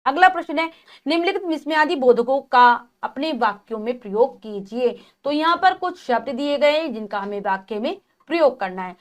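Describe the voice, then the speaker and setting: Woman teacher, high voice, patient step-by-step grammar lesson for kids. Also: animated, moderate pace. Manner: explains step by step and addresses children.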